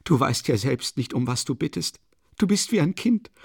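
A man reading an audiobook, voicing a breathless, coughing, impoverished mother who talks in shrill, hasty pleas and scolding. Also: animated, moderate pace, creaky, breathy edge, no echo, clean studio sound. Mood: frantic, pleading. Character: frantic impoverished widowed mother, consumptive woman. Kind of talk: audiobook character voice.

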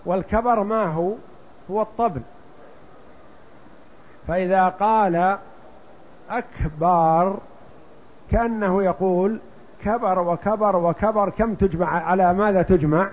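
An older man explaining a religious text, slowly and deliberately, asking rhetorical questions. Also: high voice. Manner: slow, deliberate, drawn-out examples, rhetorical questions. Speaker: sheikh teaching a fiqh text. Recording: dull lo-fi lecture recording.

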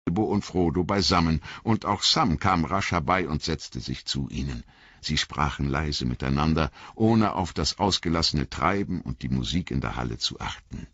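A man reading a fantasy novel aloud as audiobook narrator, slow and expressive. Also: very deep voice, no echo. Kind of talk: scripted narration. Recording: slightly muffled dry recording.

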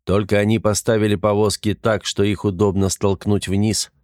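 A man's voice: fairly low pitch, little pitch movement, normal speed, darkish tone, no echo, studio quality, natural voice. A man playing a practical male warrior scout who speaks in terse, matter-of-fact sentences.

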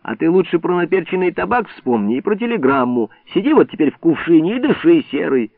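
A man voicing a gruff, bullying old village man who shouts threats, in a tinny phone-like recording. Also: fairly high pitch, very animated, fairly quick, no echo, pitched above the performer's own voice. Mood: mocking. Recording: tinny phone-like band, dry.

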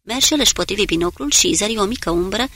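A woman narrating an audiobook in a steady, measured reading voice. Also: mid-range voice, breathy edge, no room sound. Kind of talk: scripted narration.

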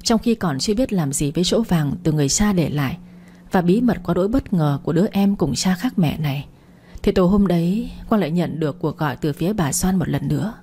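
A woman narrating a story in a steady, expressive storytelling manner. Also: fairly low pitch, a little fast, slightly rough.

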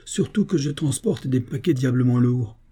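A man's voice: medium pitch, moderate pace, mellow, breathy edge, lightly acted. A man reading the part of a tall, half-drunk working-class mover who grumbles about his heavy load. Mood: weary.

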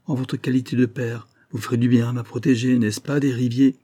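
A man's voice: medium pitch, little pitch movement, brisk, dark tone, breathy edge, natural voice. A man reading an audiobook, voicing a playful, commanding young prince who teases a courtier. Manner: teasing, commanding.

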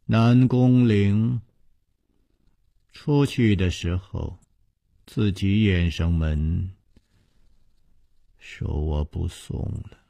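A man voicing a cold, aloof middle-aged widow in a told story, speaking quietly and low with a detached manner. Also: extremely slow, vocal fry, pauses often, heavily acted. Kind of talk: storytelling broadcast.

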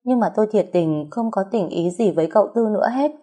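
A woman's voice: medium pitch, expressive, fast talker, mellow, voice pushed up, lightly acted. A woman voicing a tearful, scheming young female servant in an audio story. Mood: tearful pleading.

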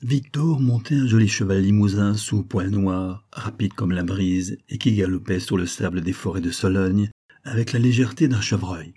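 A man reading a classic novel aloud as an audiobook narrator, in a measured way that lifts his voice for the dialogue. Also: on the low side, mellow, slightly rough.

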